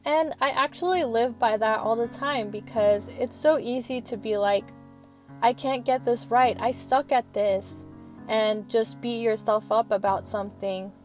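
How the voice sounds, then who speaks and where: A woman's voice: fairly high pitch, steady tone, a little slow, faint music behind. A young woman student rambling in a chatty, earnest voice-over, recorded in her parked car. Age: young adult. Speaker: student vlogger.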